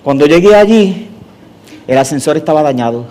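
Middle-aged male pastor, slightly high voice, dramatic sermon storyteller. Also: normal speed. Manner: theatrical, animated storyteller.

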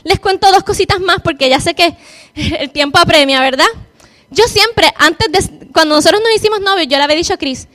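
A woman's voice: very high voice, a little fast, fairly bright tone. A woman giving a heartfelt personal testimony to an audience, often repeating words for emphasis. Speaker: speaker giving a faith testimony.

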